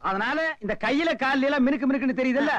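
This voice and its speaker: A man's voice: extremely high pitch, a bit bright, dry recording. An actor playing a whiny, bossy male comic beggar in a Tamil film comedy, with a Tamil accent. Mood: lecturing. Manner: whiny, scolding, quick comic patter. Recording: dull lo-fi film audio.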